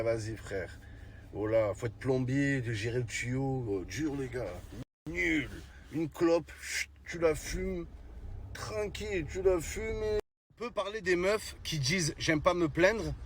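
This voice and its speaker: A man's voice: fairly high pitch, slight background noise. A man with a French urban street accent tells comic stories in casual street slang, exclaiming with mock indignation. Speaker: comedian telling stories to the camera.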